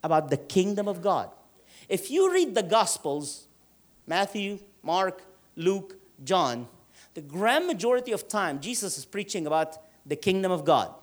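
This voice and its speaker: A man's voice: sits high, sing-song. Man preaching a sermon. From Egypt. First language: Arabic. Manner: earnest, emphatic with slow drawn-out stresses. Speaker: pastor.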